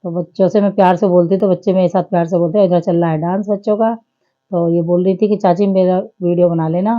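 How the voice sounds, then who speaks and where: A woman's voice: fairly low pitch, steady tone, fast, highs cut off. Chatty woman narrating a family vlog. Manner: chatty, homely running commentary. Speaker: family vlogger. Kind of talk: casual vlog voice-over.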